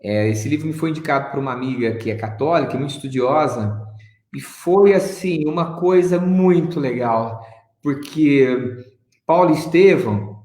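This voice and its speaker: A man's voice: fairly high pitch, moderate pace. Chatty man in an echoey room. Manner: chatty, self-mocking, animated. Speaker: guest speaker. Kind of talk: spiritist online talk.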